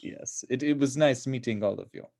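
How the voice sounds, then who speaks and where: A man playing a courtly old Cuban gentleman. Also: medium pitch, moderate pace, creaky. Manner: courtly, gallant. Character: charming elderly Cuban gentleman. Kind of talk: amateur sitcom table read.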